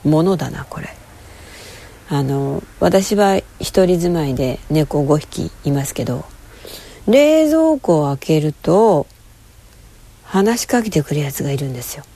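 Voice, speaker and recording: A woman chatting casually to camera, rambling and telling a story with lively, acted-out quoted voices. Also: sits low, a little slow. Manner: lively, rambling, with frequent fillers.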